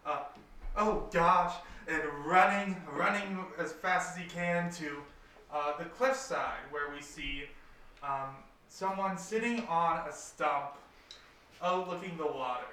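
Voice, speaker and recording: A man's voice: fairly high pitch, slow pace, bright, forceful tone. A man narrating a tabletop game as game master, rambling along with lots of fillers. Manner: meandering with many fillers. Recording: roomy room, distant mic, faint noise.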